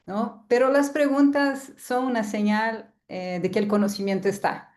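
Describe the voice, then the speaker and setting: A woman whose first language is Portuguese gives an online guest lecture over a video call. Her voice is on the high side with a darkish tone and a moderate pace, and she's chatty, often adding a tag "¿no?".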